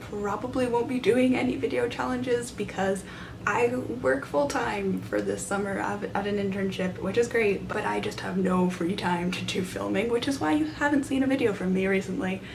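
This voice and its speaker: Enthusiastic young woman chatting, noisy rumbly recording. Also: moderate pace, creaky. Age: young adult. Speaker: book vlogger. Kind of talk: casual chat to camera. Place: small side room in a library, indoors. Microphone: camera at arm's length. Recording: noisy room with low rumble.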